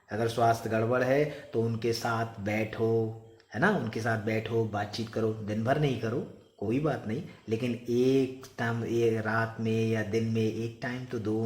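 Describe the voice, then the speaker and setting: A man tells a homely family story in a gentle, repetitive manner. He circles back to his words and ends with advice. His voice sits at a middle pitch in an echoey room. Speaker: vlogger.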